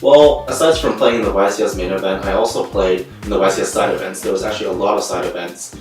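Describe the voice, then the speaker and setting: A Canadian man with a deep voice answers interview questions quickly, speaking plainly and earnestly with a few fillers. He is a co-host and guest player, recorded from a distance in an echoey room with soft music in the background.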